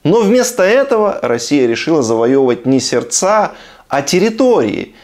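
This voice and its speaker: Animated, sardonic man from Ukraine. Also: fairly high pitch, moderate pace. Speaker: video blogger. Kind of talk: sarcastic commentary on TV clips. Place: room at home.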